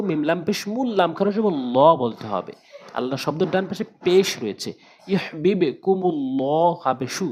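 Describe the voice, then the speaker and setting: A man's voice: fairly high pitch, a little mellow. A man, teaching Quran recitation in a spoken tutorial. He spells out Arabic syllables one letter at a time, then repeats the whole words.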